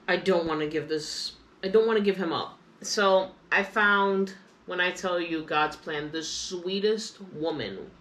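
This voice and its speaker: A woman's voice: lowish voice, fairly bright tone, roomy sound. A young adult woman vlogger chatting casually while coloring, telling an emotional personal story with many fillers.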